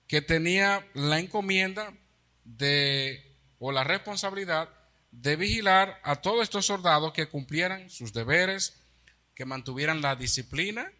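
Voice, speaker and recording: Bright-voiced pastor teaching scripture. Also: male voice, fairly high pitch. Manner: explanatory, with rhetorical questions. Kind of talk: expository Bible-study sermon. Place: church.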